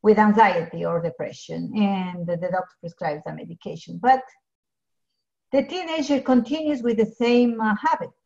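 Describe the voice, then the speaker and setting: A woman's voice: medium pitch, normal speed, vocal fry, darkish tone. A middle-aged woman from Ecuador, talking earnestly on a video call with many restarts and fillers. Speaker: pharmacist guest. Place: home office with bookshelves. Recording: dull lo-fi video call audio.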